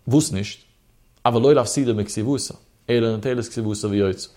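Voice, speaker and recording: A man giving a traditional study-hall Talmud lesson at an ordinary middle pitch. He chants in a sing-song, swinging up high and then sinking low. He talks it through aloud, posing questions and answering them himself. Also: a little fast, dark tone. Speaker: Talmud teacher.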